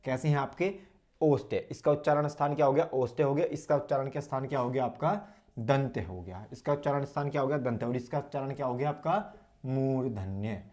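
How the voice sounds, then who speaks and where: A man teaching an online Hindi lesson, demonstrating each vowel sound slowly and aloud, and asking questions he then answers himself. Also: mid-range voice, a little mellow. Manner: drills sounds aloud, asks and answers his own questions.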